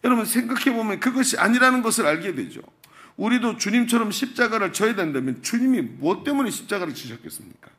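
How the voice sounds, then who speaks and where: A man's voice: high-pitched, big pitch swings, quick pace, a bit bright. A man who is the senior pastor, preaching a sermon and telling jokes along the way. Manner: jokey dialect humor, then earnest preaching.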